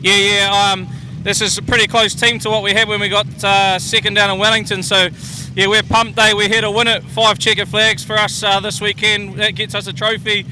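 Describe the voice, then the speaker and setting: Male team manager, New Zealand accent, very bright high voice, even intonation, confident interview delivery outdoors. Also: brisk, low-quality recording. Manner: confident, jokey. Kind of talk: casual trackside interview. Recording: outdoor speedway with engine noise.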